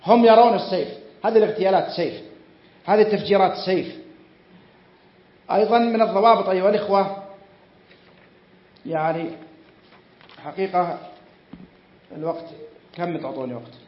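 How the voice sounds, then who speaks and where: A man's voice: high voice, fairly quick, long pauses. A man giving a religious lecture, fervent and emphatic, swearing oaths and firing rhetorical questions. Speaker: Islamic scholar giving a lecture. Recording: echoey, muffled lecture recording.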